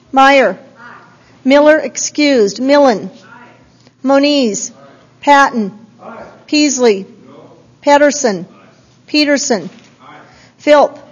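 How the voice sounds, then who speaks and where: A woman working as chief clerk, reading a roll call of names in a legislative chamber in a measured, even way. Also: high-pitched. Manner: measured, even name-by-name delivery. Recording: dull lo-fi chamber feed.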